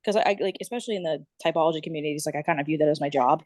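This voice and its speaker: A woman's voice: sits low, rapid-fire, darkish tone, no echo, studio quality. A woman chatting as a podcast guest, emphatic, with many filler words and restarts. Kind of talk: casual panel chat.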